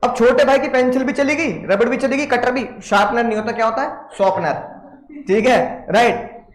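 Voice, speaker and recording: A man's voice: very high-pitched, normal speed. An Indian man lecturing a class, telling a comic story and acting out voices along the way. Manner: playful, acts out voices in stories. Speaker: teacher. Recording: echoey classroom.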